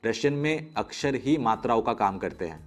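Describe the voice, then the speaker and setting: A man's voice: medium pitch, expressive, normal speed. A man teaching an online language lesson, explaining step by step and sounding out letters one at a time.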